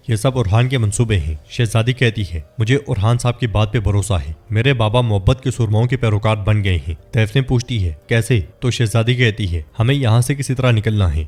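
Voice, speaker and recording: A man's voice: mid-range voice, darkish tone. A man reading a scripted narration that recaps a TV drama episode, telling the story steadily and reading the characters' dialogue in his own plain voice. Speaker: channel host recapping a TV episode.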